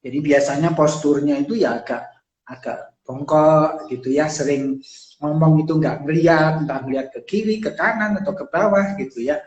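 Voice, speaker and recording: A man talks through his subject in a relaxed, explaining way, dotting his sentences with fillers and slipping into quick acted-out examples. His voice sits a little high for a man. The room around him rings with echo. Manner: conversational, many fillers, acts out quoted lines. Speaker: psychology speaker. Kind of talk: casual explanatory talk on a live stream.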